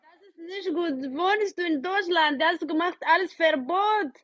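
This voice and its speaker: High-voiced woman speaking broken German. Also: a bit bright. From Ethiopia. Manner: halting, broken German, repeating words. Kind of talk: casual video-call chat. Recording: dull lo-fi video-call audio.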